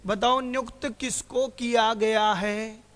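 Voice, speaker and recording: A man's voice: sits high, steady tone, slow pace, a bit bright. A male teacher giving a classroom lecture who keeps asking his students questions, answers them himself, and calls them "beta". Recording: hall reverb.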